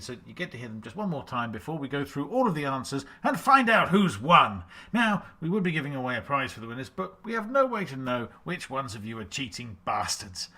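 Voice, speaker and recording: Male quiz host, bright and punchy, hams up the quotes with a joke or two. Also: mid-range voice. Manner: jokey, reads quotes aloud with theatrical flair. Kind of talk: live-stream film quote quiz.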